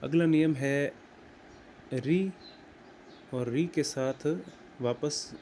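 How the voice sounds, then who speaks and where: A man teaching grammar, explaining slowly and deliberately and repeating words as he writes them out. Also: medium pitch, warm tone, a little hiss or hum. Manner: slow and deliberate, repeats words while writing. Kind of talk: explaining at a whiteboard.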